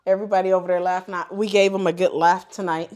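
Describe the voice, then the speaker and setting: A woman hosting a livestream in casual chat, an animated storyteller who laughs a lot. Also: on the low side, fast. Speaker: livestream host.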